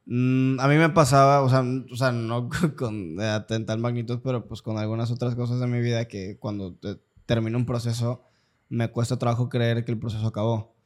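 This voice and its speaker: A man's voice: mid-range voice, steady tone, normal speed. Man, Mexican Spanish accent, interview host, informal, slangy, joking. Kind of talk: casual conversational interview.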